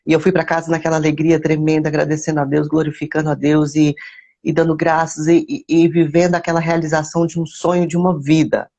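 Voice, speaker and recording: Woman, gravelly fry, faith testimony, repeats phrases for emphasis, greets live viewers. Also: sits low, little pitch movement, fast talker, mellow, highs cut off. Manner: addresses viewers by name mid-story. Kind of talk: personal testimony, casual storytelling.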